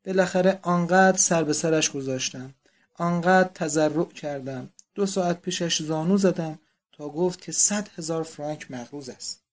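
Man reading distraught young countess, tearful pleading confession, slightly high voice. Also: natural voice.

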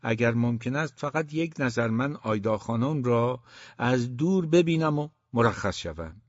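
A man reading the part of a polite, smiling young man who has come courting, speaking smoothly and courteously. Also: medium pitch, animated, no room sound, lo-fi sound, lightly acted.

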